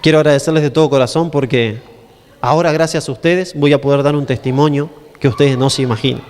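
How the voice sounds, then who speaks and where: Preacher doing a gentle, grateful divine figure, a lower tone than his own, in a reverberant hall. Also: fast, a little hiss or hum, lightly acted. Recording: long reverb in a conference hall.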